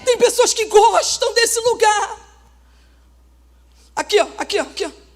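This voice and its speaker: A woman pastor preaching an emphatic sermon at a conference, often shouting and acting out whiny laments. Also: very high voice, unhurried.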